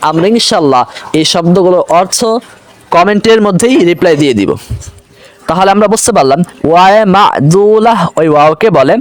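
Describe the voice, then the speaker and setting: In an online grammar lesson, a man with a high-sitting voice explains things patiently, step by step. He repeats example words slowly.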